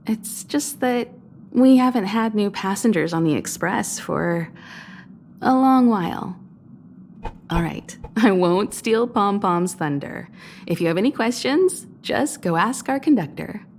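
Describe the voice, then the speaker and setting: A woman voicing a poised, mature game character with a gentle, composed, motherly manner. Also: mid-range voice, big pitch swings, a little slow, slight background noise.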